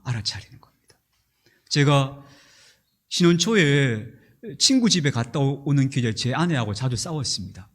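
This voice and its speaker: A man's voice: mid-range voice, husky. A middle-aged male pastor preaching a sermon in a church, telling stories and acting out angry outbursts.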